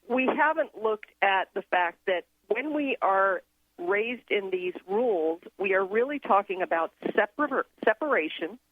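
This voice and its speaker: A woman who grew up in Thailand, a guest on a radio show, explaining her ideas in an earnest, steady way. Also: mid-range voice, no echo. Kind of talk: casual radio interview. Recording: tinny phone line.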